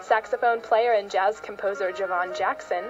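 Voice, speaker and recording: A woman's voice: medium pitch, steady tone, normal speed, muffled recording, over loud music. An American woman reading a scripted news feature as a public radio host and reporter.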